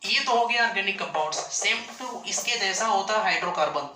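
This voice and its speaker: A man's voice: high-pitched, fairly quick, pushed and bright, slight background noise. A male chemistry teacher lecturing a class, asking questions and answering them himself and repeating each point. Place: classroom with students. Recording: echoey classroom with student chatter.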